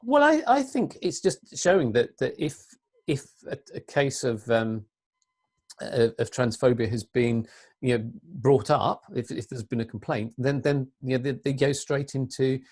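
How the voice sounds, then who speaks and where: A woman with a deep voice and an English accent speaks earnestly as an interview guest, often restarting and using fillers. She is animated yet unhurried, her tone a little mellow.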